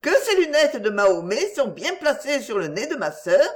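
A woman's voice: on the high side, very animated, moderate pace, pitched above the performer's own voice. A woman voicing a playful young woman who chatters and teases. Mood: teasing. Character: teasing, lively young woman.

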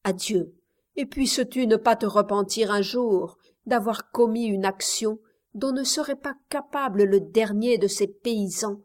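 A gentle young Spanish woman speaks softly, with quiet reproach in her voice, as a woman reader puts her on. The storybook reading is slow and even. Her dignity shows under the softness. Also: medium pitch, close to an everyday voice. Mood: pleading, proud. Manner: soft, reproachful delivery.

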